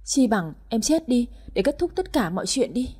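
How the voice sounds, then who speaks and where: A woman voicing a young scheming mistress who shouts rudely and pleads in tears, with a husky voice. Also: very animated, moderate pace. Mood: tearful pleading. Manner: shrill, rude, tearful pleading. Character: young scheming female mistress, shrill and tearful.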